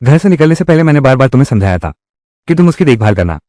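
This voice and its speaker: Man dubbing a stern young husband, firm, reproachful, lively pitch, dry sound. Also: racing, no echo, close to an everyday voice. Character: stern young husband defending his wife. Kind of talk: dubbed drama dialogue.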